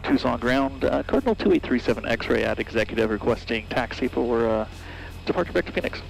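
Speaking through a headset boom mic in a small aircraft's cockpit, a man, an American private pilot, gives clipped, hesitant radio calls. He has a medium-pitched, creaky voice with lively intonation and a brisk pace. The low-quality recording carries a little hiss or hum, plus background music and aircraft sound.

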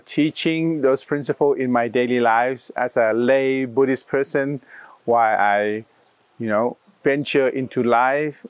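A man in his fifties from Australia, telling his personal story in an interview outdoors, pausing often with fillers and restarts. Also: medium pitch, no echo. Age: 50s. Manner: halting, many fillers and restarts. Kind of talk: reflective personal account. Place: outdoors in a leafy garden.

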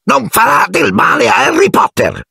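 A man voicing an excitable little male house-elf in an audiobook, shrill and squeaky, shrieking and speaking of himself by name. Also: moderate pace, vocal fry, husky, no echo, clean studio sound, full character voice. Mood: fierce. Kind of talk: audiobook character voice.

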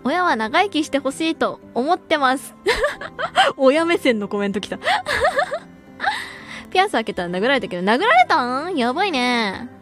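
A young woman chats away on a livestream in a high, bouncy voice that swoops up and down as she answers viewer comments. She talks in casual slang and breaks into laughter often. Faint music plays quietly behind her. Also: wildly swooping pitch, unhurried. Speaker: VTuber streamer.

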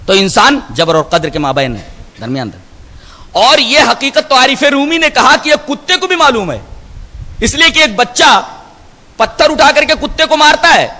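A man's voice: extremely high pitch, pushed and bright. A man, an Islamic scholar, gives an emphatic sermon-style Quran commentary, asking rhetorical questions and chanting Arabic verses. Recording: long hall reverb.

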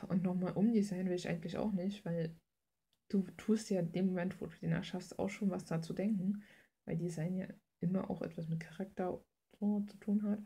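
A woman sketches at her desk indoors while hosting a drawing video, chatting informally in slang and musing out loud. She speaks with a fairly low, creaky voice that is dark in tone and slightly rough.

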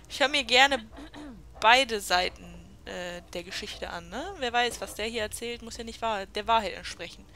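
A woman's voice: fairly high pitch, normal speed, pushed and bright. A woman hosting a let's play, chatting sarcastically while reading the game's dialogue aloud. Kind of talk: gameplay commentary.

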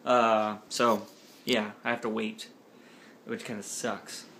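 This young American vlogger has a lowish, slightly bright voice, and he takes things slowly with a flat delivery, over a little hiss or hum. Even so, his casual chat is rambling and jokey, and he keeps cutting himself off mid-sentence.

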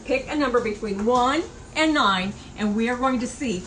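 A woman's voice: a little high, moderate pace, a bit bright, slight background noise, poor audio. A woman presenting a treat-guessing game on a children's animal show, with game-show enthusiasm.

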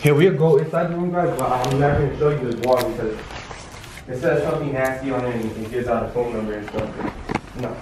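Young male night vlogger, jittery and slangy, mid-pitched, noisy handheld camera sound. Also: quick pace. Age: young adult. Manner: nervous, repetitive, slangy. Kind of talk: nervous night exploration vlog, casual. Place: abandoned house and dark outdoors at night. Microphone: handheld camera mic. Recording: echoey, off-mic, noisy handheld camera audio.

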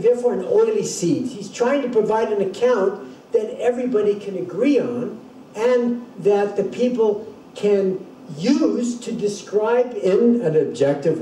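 A man's voice: fairly high pitch, dark tone, slight background noise. An older man giving a university lecture, explaining things thoughtfully and often restarting his sentences. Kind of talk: classroom lecture. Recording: echoey room, distant mic.

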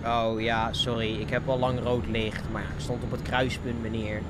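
An excitable streamer, giving live gameplay commentary, laughing often and dropping English slang. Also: medium pitch, moderate pace, heavy background noise.

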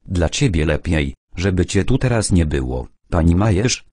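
A man voicing a gruff army major who speaks bluntly and mixes in Russian words. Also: deep voice, expressive, moderate pace, a little mellow, no echo, clean studio sound. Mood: grave. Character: weary older male army major, blunt drinker.

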